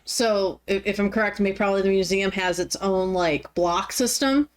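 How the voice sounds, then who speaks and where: A woman's voice: mid-range voice, fairly even intonation, normal speed. A woman playing a tabletop game, chatting casually and restarting her sentences. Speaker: player.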